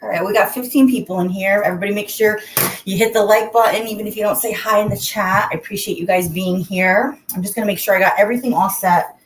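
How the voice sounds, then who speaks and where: Fast and steady in tone, a woman with a mid-range voice runs a casual livestream from her bathroom, chatting away and addressing viewers by name as she greets them. Echo from the bathroom and clear background noise come through.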